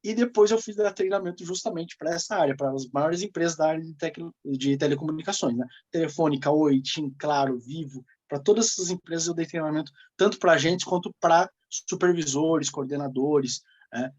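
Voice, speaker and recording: Brazilian man, sales mentor, emphatic and animated, voice pitched a bit high. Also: brisk, few pauses, highs cut off. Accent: Brazilian Portuguese. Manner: emphatic, animated, laughs often. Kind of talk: coaching talk.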